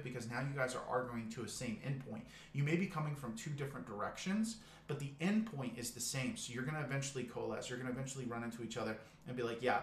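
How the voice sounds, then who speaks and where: A man's voice: medium pitch, fairly bright tone, reverberant, slight background noise. A man giving a live coaching talk to business owners, earnest and repetitive, often asking "right?". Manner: earnest, coaching tone, repeats key phrases, frequent "right?". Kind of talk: live webinar presentation.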